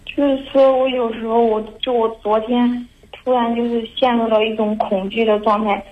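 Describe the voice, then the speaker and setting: Anxious young woman caller, flat halting delivery, muffled lo-fi line. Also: fairly high pitch. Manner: halting, anxious, many restarts. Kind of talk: call-in confession.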